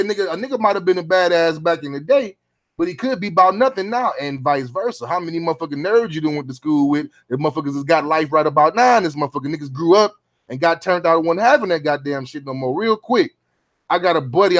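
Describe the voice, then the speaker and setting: A man's voice: a little high, quick pace, a bit bright. A middle-aged man hosting a casual round table chat, talking in laid-back, profane street slang. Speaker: podcast host.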